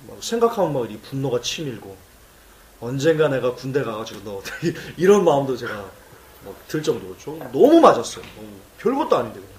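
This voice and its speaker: A male pastor preaching a sermon in church, emphatic and animated, telling stories and acting out cries. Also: mid-range voice, fairly quick, roomy sound, distant mic.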